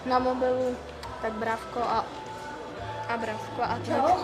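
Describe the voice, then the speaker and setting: Shy fan, a high-voiced woman, polite, in a loud mall crowd. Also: flat delivery, music in the background. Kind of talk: casual chat with a streamer. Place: busy shopping mall.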